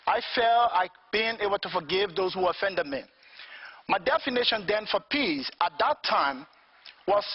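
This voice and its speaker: A man's voice: sits high, husky, lo-fi sound. A man from Liberia in his fifties, giving a formal, earnest speech as an invited speaker and posing rhetorical questions.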